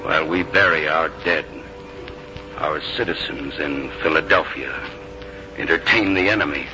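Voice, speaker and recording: An actor playing a weary, grave army general with solemn, measured oratory in a radio drama. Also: male voice, rumbling low. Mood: grave, bitter. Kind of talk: 1950s radio drama acting. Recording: dull 1950s radio recording, music behind.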